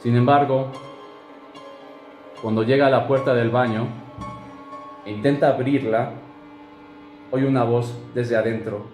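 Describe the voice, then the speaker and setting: A young man spins a horror story in a loose, chatty way, dropping fillers and little asides as he goes. His voice sits in the middle of the range, and the room adds a noticeable echo. Soft music plays underneath. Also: mid-range voice, steady tone, measured pace, long pauses. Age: young adult.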